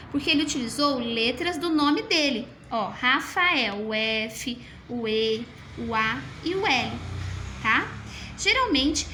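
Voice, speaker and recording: A woman teacher explaining a classroom writing assessment, slowly sounding out words as she goes. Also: high voice, a bit bright, slight background noise.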